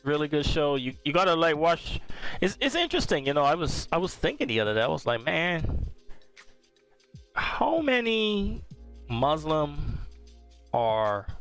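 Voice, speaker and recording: A man's voice: on the high side, sing-song, a little slow, a bit bright, clean tone, faint music behind. A young man hosting a podcast, chatting casually about shows in a rambling, easygoing way. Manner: rambling, easygoing, often restarts his sentences. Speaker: podcast host. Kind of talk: casual pop-culture review chat.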